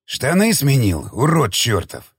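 A man's voice: mid-range voice, huge pitch swings, unhurried, husky, no room sound, clean studio sound, full character voice. Man voicing a furious, barking army commander. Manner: barking, abusive, threatening. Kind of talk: audiobook character reading.

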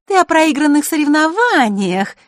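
A woman's voice: big pitch swings, moderate pace, dry recording, clean studio sound. Sly taunting teen girl Marishka, voiced by a woman. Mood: mocking. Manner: sing-song, taunting, loud and high. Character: sly mocking teenage girl, sweetly scheming archer. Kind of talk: audiobook character reading.

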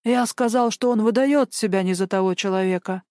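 A woman's voice: mid-range voice, brisk, warm tone, no room sound, studio quality, natural voice. A woman voicing a nervous, fidgety older male pensioner in an audiobook, jittery and self-important. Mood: frightened. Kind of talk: audiobook character voice.

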